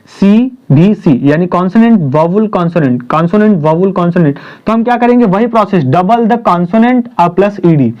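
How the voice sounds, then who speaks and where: High-voiced man teaching grammar. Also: darkish tone. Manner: repeats points, asks and answers his own questions; spells out terms slowly, stresses syllables. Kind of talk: Hindi classroom-style grammar lesson. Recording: dull lo-fi recording.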